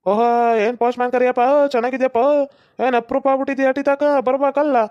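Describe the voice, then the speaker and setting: A woman's voice: high voice, flat delivery, quick pace, close to an everyday voice. A woman playing a chatty, nosy male village postman in a comedy sketch. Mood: teasing. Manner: nosy, teasing banter. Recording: slightly dull lo-fi recording.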